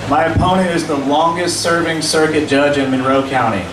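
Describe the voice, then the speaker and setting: A man in his forties speaking as a judicial candidate at a public forum, measured and earnest, with fillers when answering questions. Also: a little high, steady tone. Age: 40s. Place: meeting room at a public forum. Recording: roomy, distant, noisy room recording.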